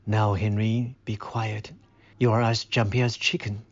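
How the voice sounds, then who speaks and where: Male reader as a gentle elderly farm wife in a storybook, slow and husky, lo-fi. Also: lowish voice, flat delivery. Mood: scolding. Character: old farm wife, gently scolding and kind.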